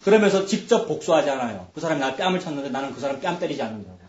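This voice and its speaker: A man's voice: mid-range voice, big pitch swings, very fast, reverberant, lo-fi sound. A male pastor preaches a sermon in a conversational way, acting out the voices of biblical figures.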